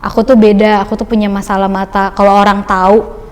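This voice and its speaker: A young woman recalls her own life story for a podcast in a relaxed, chatty flow. Her phrases run on loosely with plenty of fillers. Her voice sits in a middle pitch, and a long reverb trails behind each word. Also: fairly quick. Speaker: podcast guest. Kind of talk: casual personal testimony.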